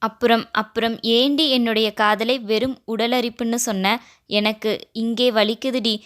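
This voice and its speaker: A woman reading a storybook, voicing an angry and hurt young husband who shouts accusations at his wife. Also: a little high, fairly even intonation, measured pace.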